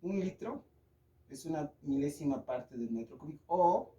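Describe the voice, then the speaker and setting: A young male physics teacher with a Mexican Spanish accent, his voice mellow and slightly higher than most men's. He walks through the lesson one step at a time and keeps checking that the class is following. The sound carries a noticeable room echo. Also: animated, moderate pace, highs cut off. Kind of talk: classroom lecture. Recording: echoey room.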